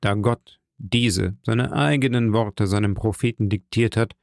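A man doing a brooding, vengeful count, deep and solemn. The voice is gravelly and dry, with every word heavy. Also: unhurried, no room sound. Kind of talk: audiobook reading.

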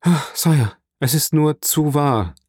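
A man's voice: fairly high pitch, slow pace, darkish tone, dry recording, clean studio sound, pitched above the performer's own voice. A man voicing a distraught police minister in an audiobook reading, anxious and apologetic.

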